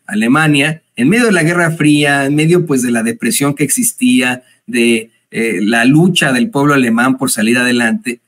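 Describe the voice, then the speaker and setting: A Mexican man with a Mexican accent giving indignant, mocking political commentary, pausing often with hesitant fillers. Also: medium pitch, a bit bright.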